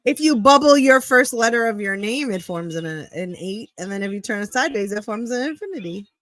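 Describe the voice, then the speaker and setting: A woman's voice: mid-range voice, lively intonation, fairly quick, fairly bright tone, no echo. A woman with a Brooklyn accent co-hosting a wrestling podcast, chatting in a teasing, playful way. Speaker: podcast co-host. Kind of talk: casual chat reviewing a wrestling show.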